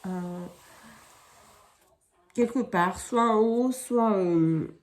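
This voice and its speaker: A woman's voice: medium pitch, darkish tone. A woman chatting casually in a crafting haul vlog, rambling and correcting herself with many fillers as she shows items at home. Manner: chatty and unhurried. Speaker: crafting vlogger.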